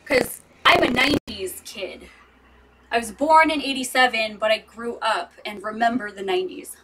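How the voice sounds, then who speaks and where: High bright chatty woman vlogger. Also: normal speed, distant mic. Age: 30s. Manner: chatty, rambling, laughs often. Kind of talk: casual live chat with viewers. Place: home with street traffic outside.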